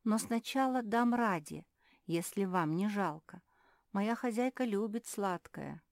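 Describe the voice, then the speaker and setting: A woman's voice: medium pitch, expressive, measured pace, vocal fry, a little mellow, dry recording, clean studio sound, pitched above the performer's own voice. A woman voicing a polite, considerate female character.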